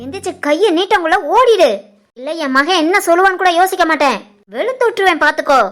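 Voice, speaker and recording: A woman voicing an arrogant, domineering mother-in-law in an animated family drama, scornful and threatening, with a southern Tirunelveli Tamil accent. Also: very high voice, quick pace, soft background music. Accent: southern Tamil Nadu (Tirunelveli) Tamil. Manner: scornful and threatening, hurls insults.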